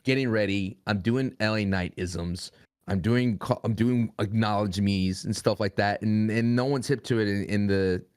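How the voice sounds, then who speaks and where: A man's voice: lowish voice, normal speed, darkish tone, clean tone. A young man talking as a podcast guest in a rambling, casual way. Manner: rambling, frequent restarts and fillers.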